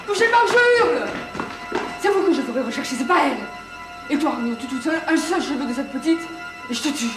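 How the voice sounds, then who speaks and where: Brief: a shrill, threatening accused girl; fast delivery, echoey film audio with music. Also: animated, recorded from a distance. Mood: desperate. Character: young woman accused of informing, fierce and desperate. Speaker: actress in a crime film shown on television.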